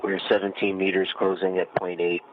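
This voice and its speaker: Low man over breaking-up space radio. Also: monotone, brisk. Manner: clipped, matter-of-fact reporting. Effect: breaking-up space-to-ground radio. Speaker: astronaut on the space station. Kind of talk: radio call-outs. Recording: tinny radio link with faint static.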